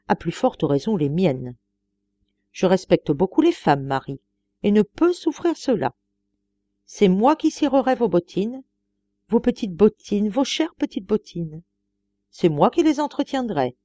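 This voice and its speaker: A woman voicing an elderly gentleman who is fussy, obsessive and wheedling, speaking in a coaxing, repetitive way. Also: mid-range voice, no room sound. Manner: coaxing, repetitive, rising to pleading.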